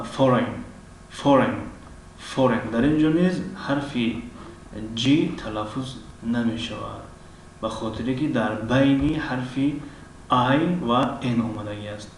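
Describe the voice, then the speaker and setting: A man with a Tajik accent teaches in a measured, hesitant way, stretching his fillers and saying each example word more than once. His voice sits at an ordinary middle pitch. He is recorded from a distance in a very echoey room with a faint hiss behind him. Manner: hesitant, with many drawn-out fillers and frequent throat-clearing. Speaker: English teacher. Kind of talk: language lesson.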